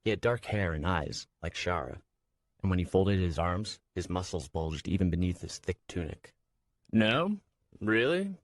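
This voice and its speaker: Deep-voiced male audiobook narrator. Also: fairly even intonation, normal speed, a little mellow, no room sound, studio quality. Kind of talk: scripted first-person narration.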